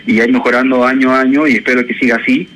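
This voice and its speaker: A man's voice: medium pitch, flat delivery, quick pace, a bit bright, rough recording. A man from Chile, an education professor speaking as a guest in a radio interview, thoughtful and hesitant, with many fillers. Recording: radio broadcast with faint noise.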